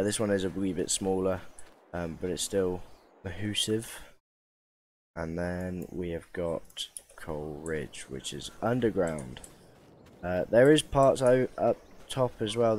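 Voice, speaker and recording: A tired young man chats his way through a gameplay video in a deep, low voice. He rambles, pokes fun at himself and keeps it casual, with a faint hiss under the recording. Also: a little mellow. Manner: rambling, self-mocking, chatty. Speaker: gaming YouTuber.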